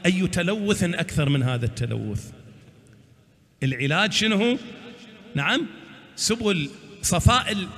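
A man's voice: high-pitched, animated, normal speed, long pauses, fairly bright tone, big-room sound. A man preaching a sermon, exhorting his listeners and answering his own rhetorical questions.

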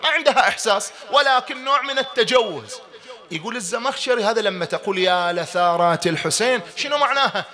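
A man's voice: very high voice, animated, fast talker, sharp tone. A man teaching a grammar lesson with religious explanation, asking rhetorical questions and repeating examples.

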